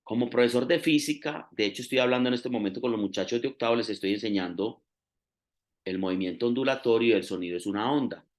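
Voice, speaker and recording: A man's voice: medium pitch, fast talker. A man preaching a sermon, explaining step by step and stressing key phrases.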